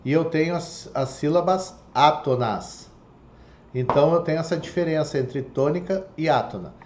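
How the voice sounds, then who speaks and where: A man lectures patiently on grammar, checking in with his students every few phrases. His voice sits a bit high for a man. The echoey room carries a faint hiss underneath. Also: normal speed, darkish tone. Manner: explanatory, repeats "tá?" and "ok?" to check understanding. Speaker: Portuguese teacher. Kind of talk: online lecture.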